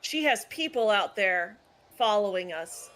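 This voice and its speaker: Bright, opinionated woman chatting about games. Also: mid-range voice, lively intonation, unhurried. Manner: opinionated, analytical, lots of "like" fillers. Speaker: channel host. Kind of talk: casual gaming chat. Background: faint background music.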